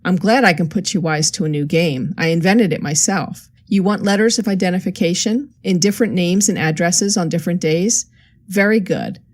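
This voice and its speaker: A woman's voice: on the low side, normal speed, darkish tone, natural voice. A woman reader voicing a sly, scheming young woman forger who talks with breezy confidence. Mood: confident. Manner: confident, breezy and a little superior.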